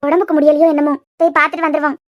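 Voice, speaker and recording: A woman voicing a sharp-tongued grandmother and mother-in-law in a cartoon serial, speaking with a Kanyakumari Tamil accent and a nagging, scolding manner. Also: high-pitched, little pitch movement, rapid-fire, dull audio, natural voice.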